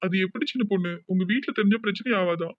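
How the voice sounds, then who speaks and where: Man doing a distraught young village man, Tirunelveli accent, tearful, pleading, fast, high voice, cartoon. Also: no echo, narrow, tinny audio, natural voice. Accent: Tirunelveli Tamil.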